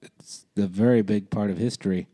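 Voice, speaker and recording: A man's voice: on the low side, fairly even intonation, normal speed, warm tone. A man co-hosting a podcast in casual chat, laid-back, with many fillers and casual swearing. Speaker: podcast co-host.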